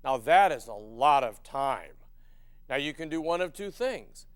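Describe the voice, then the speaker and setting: A man's voice: fairly high pitch, clean tone, no echo. An older man giving a folksy, emphatic motivational sales lecture, asking his listeners questions as he goes. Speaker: sales trainer.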